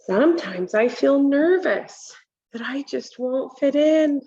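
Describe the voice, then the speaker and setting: This lo-fi, mellow recording captures a read-aloud presenter for children working through a picture book with commentary, indoors in a home kitchen. Her voice is higher-pitched and expressive, her pace slow and deliberate, and she teaches as she goes, putting questions to the listener.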